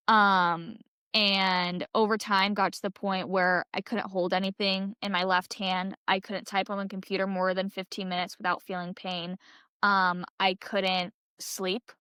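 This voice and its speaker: A woman's voice: mid-range voice, sharp tone, clean tone, dry recording, clean studio sound. A young woman in her twenties, a podcast guest chatting casually and filling her story with "like" and "um". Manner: chatty, heavy use of "like" and "um". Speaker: podcast guest, college gymnast.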